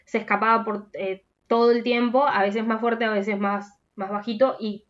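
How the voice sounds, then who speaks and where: A woman's voice: fairly high pitch, flat delivery, normal speed, highs cut off. Chatty Rioplatense woman podcaster. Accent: Rioplatense Spanish. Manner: rambling, restarts, trails off into soft asides. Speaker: podcast co-host. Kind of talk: casual chat.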